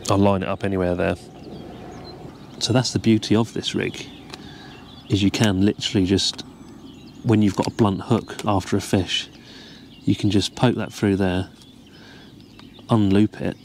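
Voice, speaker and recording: A low-voiced male angler, relaxed throughout, explains each step as he ties a carp rig in a casual step-by-step tutorial. He's seated over a tackle box outdoors by the water, and there's slight background noise.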